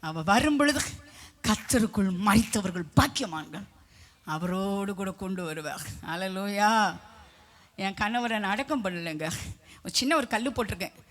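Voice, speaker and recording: A middle-aged woman preaching a testimony sermon with fervor, swelling into loud emphatic declarations and sometimes singing hymn lines. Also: mid-range voice, animated, moderate pace, slight background noise. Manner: breaks into sung hymn lines.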